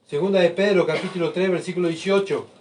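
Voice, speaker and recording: A man preaching a sermon, asking rhetorical questions and swinging between soft asides and loud emphatic bursts. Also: high-pitched, steady tone, quick pace, a little hiss or hum. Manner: rhetorical questions, keeps asking the congregation "¿verdad?". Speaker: pastor. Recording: voice picked up from far off.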